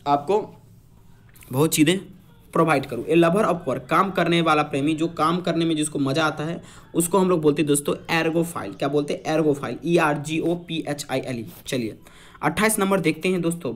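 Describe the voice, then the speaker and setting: A young man teaching English vocabulary for an exam, explaining patiently and quizzing his listeners with repeated questions. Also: a little high. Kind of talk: vocabulary lesson.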